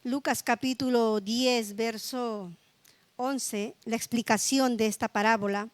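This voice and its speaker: A woman's voice: on the high side, steady tone, slow pace, no room sound. A middle-aged woman pastor giving a sermon with personal testimony, speaking conversationally and often adding tag questions.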